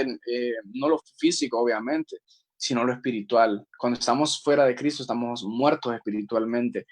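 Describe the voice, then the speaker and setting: Earnest man preaching a Bible study at an average pitch, reading scripture slowly and pausing often. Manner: earnest, slow reading of scripture with many pauses.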